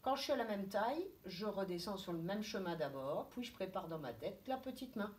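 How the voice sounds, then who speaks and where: A woman, a kindergarten teacher giving a slow, step-by-step handwriting lesson to young children. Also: medium pitch, animated, a little mellow. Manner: slow, step-by-step instructions, thinking aloud.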